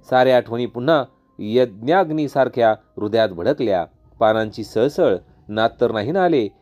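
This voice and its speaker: A man's voice: mid-range voice, dark tone, dull audio. A man narrating a devotional epic story in a dramatic, vivid, rhythmic way. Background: faint music.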